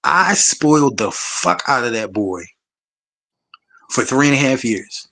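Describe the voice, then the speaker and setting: A man's voice: mid-range voice, expressive, measured pace, sharp tone. A man, telling a personal story on a discussion panel in an emphatic, profane, conversational way.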